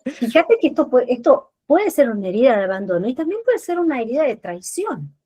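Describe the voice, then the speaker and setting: Woman therapist guest, higher voice, breathy, animated teaching manner. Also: brisk. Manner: expressive, acts out little scenes and rhetorical questions. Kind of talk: explanatory interview talk.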